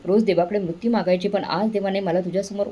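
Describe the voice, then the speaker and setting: A woman's voice: mid-range voice, fairly even intonation, quick pace, dark tone, a little hiss or hum, lightly acted. A woman voicing a young beggar woman who is humiliated but proud, speaking in a pleading, emotional way. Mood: sorrowful.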